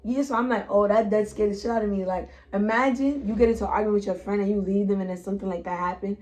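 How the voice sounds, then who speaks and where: A woman's voice: medium pitch, steady tone, racing, darkish tone. A young woman, telling a trip story in casual slangy chat and acting out her friends. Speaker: vlogger.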